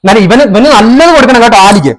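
A man filming a casual home prank for a family vlog, talking urgently and reassuring again and again, sometimes hushed. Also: high voice, lively intonation, racing. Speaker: family vlogger pulling a prank.

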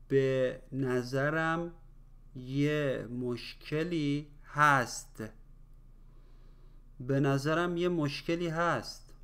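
A man with a smooth, resonant voice leads a slow language drill. He breaks each phrase into pieces, then says it again at full speed. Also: on the high side, fairly bright tone. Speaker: language teacher.

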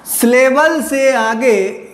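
A man's voice: extremely high pitch, drawn-out words. A male English teacher giving a classroom lecture, explaining step by step, asking and answering his own questions, and mixing English terms into his Hindi. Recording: echoey room.

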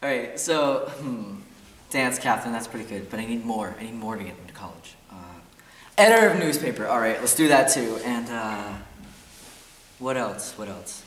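A young woman in a comedy skit, talking hesitantly and deadpan with many pauses. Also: very deep voice, slight background noise. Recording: echoey room, distant mic.

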